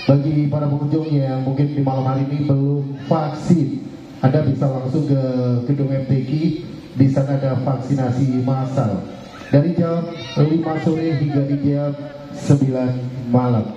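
A middle-aged man MCs a night event on an outdoor stage, announcing the program loosely and chattily through a handheld mic over the PA. His mellow, medium-pitched voice is steady and moderately paced, with faint music behind, and the distant, echoey PA sound is captured by a lo-fi camera.

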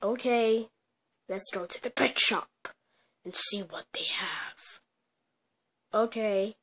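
A home toy play video where one storyteller improvises every character in a slow, halting, playful way. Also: medium pitch, bright, forceful tone, husky.

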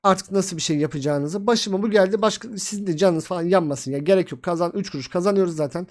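A man's voice: high-pitched, fast talker, a little mellow. A young man, sick and tired, telling in a rambling, repetitive and frustrated way how he lost his crypto tokens. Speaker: crypto vlogger. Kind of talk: casual screen-share vlog.

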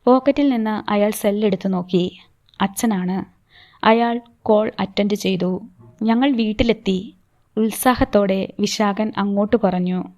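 A woman narrating a novel as an audiobook, with slow, even storytelling delivery. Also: mid-range voice. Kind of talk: novel reading.

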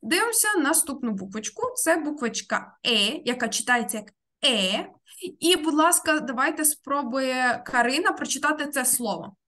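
A woman teaching an online language class, explaining slowly and carefully, word by word, over a computer mic. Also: high-pitched, lively intonation, sharp tone. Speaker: Spanish teacher.

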